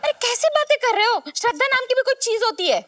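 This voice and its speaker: An indignant, devout wife. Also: female voice, high-pitched, a little fast, a bit bright. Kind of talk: sitcom acting.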